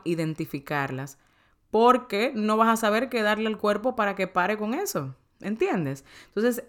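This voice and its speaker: A woman in her thirties, an emotional eating coach, talking listeners through advice in a podcast monologue and often asking them questions. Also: lowish voice. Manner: warm, coaxing, asks listeners rhetorical questions.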